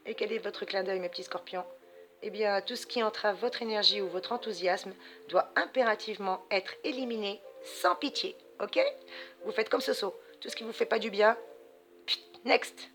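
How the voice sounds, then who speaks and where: Over background music, a tarot and astrology host gives her viewers warm, talkative spiritual guidance from the cards, addressing them with endearing pet names. Her medium-pitched voice is steady, a little fast and a bit bright.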